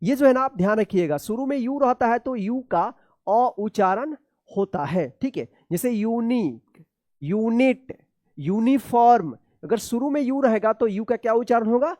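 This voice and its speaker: A woman teaching English reading. She spells each word out letter by letter, asks how it should be read, then says it slowly. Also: on the high side, animated, mellow, dry recording, studio quality. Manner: keeps asking the listener how a word is read. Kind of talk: classroom-style reading lesson.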